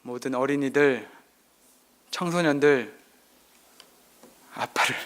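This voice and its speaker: A man's voice: medium pitch, slow. A middle-aged male pastor giving a sermon, telling stories about his son and acting out their exchanges. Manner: acts out dialogue with his son, shifting loudness. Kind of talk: sermon with personal anecdotes.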